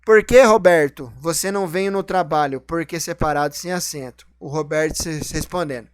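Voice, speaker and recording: High-voiced man teaching grammar. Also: moderate pace, clear, resonant tone. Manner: explanatory, asks and answers his own questions. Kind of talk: grammar lesson.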